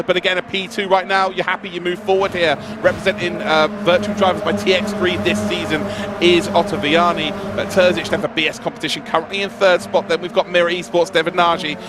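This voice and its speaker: A man with a fairly high voice gives live motorsport commentary as the analyst. He talks very quickly, in a conversational, enthusiastic way. Vehicle noise is clearly audible behind him. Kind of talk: live esports sim racing analysis.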